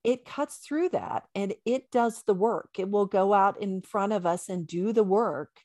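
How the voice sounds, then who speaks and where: A woman's voice: medium pitch, measured pace, a little mellow, no echo, clean studio sound. A woman talking casually as a guest in a conversational interview, with an emphatic, affirming way of speaking. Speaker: podcast guest.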